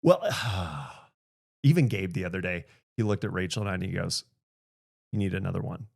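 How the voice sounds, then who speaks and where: A man's voice: sits low, sing-song, normal speed, creaky, a little mellow, dry recording, studio quality. A man in his thirties, a podcast host talking candidly in casual conversation and laughing often.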